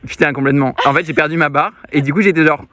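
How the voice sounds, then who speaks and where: A man's voice: fairly high pitch, steady tone, quick pace, crowd noise. A young man chatting casually in colloquial French slang as he films a vlog and asks questions. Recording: noisy outdoor recording with clicks.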